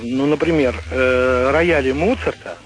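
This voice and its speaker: A man's voice: medium pitch, unhurried. A man phoning in as a radio guest, explaining things in a discursive, conversational way. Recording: telephone guest with music behind. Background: music.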